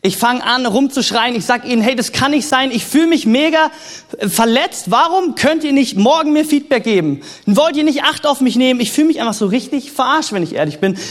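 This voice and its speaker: A male pastor preaching a sermon in a lively, conversational way, often checking in with the congregation. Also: very high voice. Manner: lively, conversational, keeps asking "ja?" and "okay?". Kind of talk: sermon with personal storytelling.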